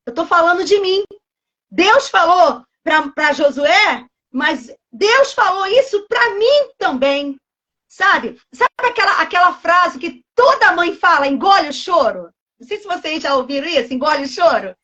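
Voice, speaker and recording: A woman's voice: very high-pitched, lively intonation, measured pace, bright, forceful tone, dull audio. A Brazilian woman in her fifties, a pastor giving an emotional, fervent testimony and acting out dialogues with God. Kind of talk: emotional personal testimony preaching.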